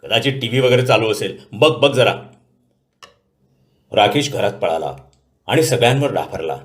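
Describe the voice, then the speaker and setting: A man narrating an audio story in a lively storytelling manner. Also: lowish voice, moderate pace, roomy sound.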